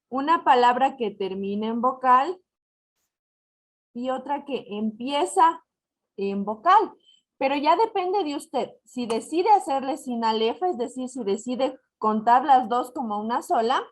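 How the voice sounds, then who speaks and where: A woman teacher with an Ecuadorian Spanish accent explaining a lesson step by step, slowing down on examples and checking that her students follow. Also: sits high, darkish tone. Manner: didactic, slows to spell out examples, asks "¿ya?" to check understanding. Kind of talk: recorded lesson explaining syllable counting.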